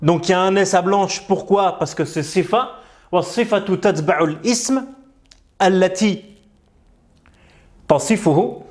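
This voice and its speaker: A man's voice: high-pitched, unhurried, long pauses. A man teaching reading, patiently sounding out French syllables one at a time and switching into to explain. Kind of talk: bilingual reading lesson, French explained in Arabic.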